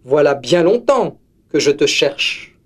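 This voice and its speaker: A man's voice: on the high side, sing-song, slow, exaggerated voice. A man voicing a bold, forthright hunter in a storybook reading. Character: bold male hunter, gruff and brisk.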